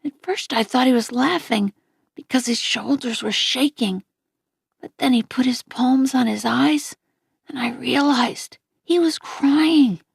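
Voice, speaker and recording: Slow, husky woman reading a story. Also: high voice, dry recording, studio quality. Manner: gentle, unhurried reading. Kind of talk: audiobook narration.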